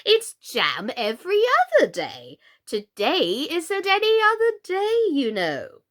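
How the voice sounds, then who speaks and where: A woman's voice: sits high, huge pitch swings, takes it slowly, a bit bright, pitched above the performer's own voice, heavily acted. A woman voicing a flustered, helpless, melancholy storybook queen who groans, sighs and speaks emphatically. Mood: insistent. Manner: groaning, sighing, dotty, emphatic delivery.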